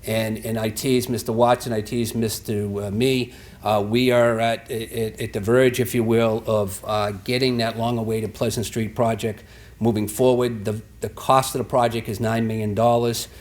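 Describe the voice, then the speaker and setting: A man from the Boston area giving a formal town address, speaking in a halting way with many restarts and fillers. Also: fairly low pitch, little pitch movement, a little mellow. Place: town meeting hall.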